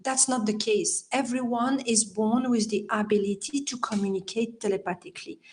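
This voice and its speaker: Her voice is a little high and darkish, with fairly even intonation and normal speed, and a little hiss or hum sits in the audio. She's a Belgian healer and life coach, a native French speaker with a Belgian French accent, chatting as a podcast guest over a video call, laughing often and using non-native phrasing in a casual interview.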